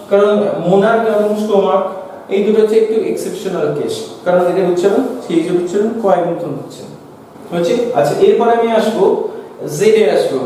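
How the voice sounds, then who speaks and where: A man's voice: high-pitched, warm tone, a little hiss or hum. A man with a Bengali accent teaching a grammar lesson, asking his students questions and then answering them himself. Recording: echoey room from far off.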